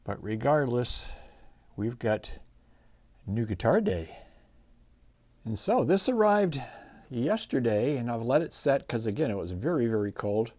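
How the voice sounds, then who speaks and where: A man hosting a guitar channel, chatting in a relaxed, folksy way while unboxing a new guitar. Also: medium pitch, unhurried, long pauses, no room sound. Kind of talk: casual unboxing vlog.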